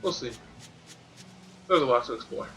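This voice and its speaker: Bright and forceful, this medium-pitched male voice moves at a moderate pace against slight background noise. He's a gaming streamer giving informal Let's Play commentary, reasoning aloud while playing and occasionally reading out game text.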